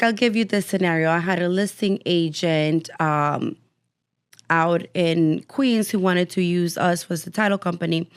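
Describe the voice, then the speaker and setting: A woman's voice: on the low side, clean tone. A young adult woman, a guest on a casual podcast, chatty and explaining with everyday examples. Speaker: title company guest.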